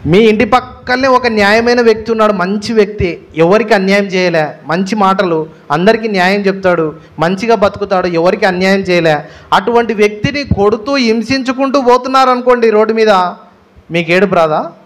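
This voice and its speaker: A male pastor with a Telugu accent preaches with a lot of emphasis. His voice sits high for a man, and he leans on repetition and rhetorical questions to drive each point home. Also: brisk. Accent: Telugu, Andhra Pradesh. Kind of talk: sermon.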